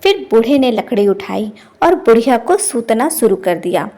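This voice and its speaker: A woman storyteller narrating a scripted folk tale in an expressive way. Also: fairly high pitch, normal speed. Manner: lively, expressive.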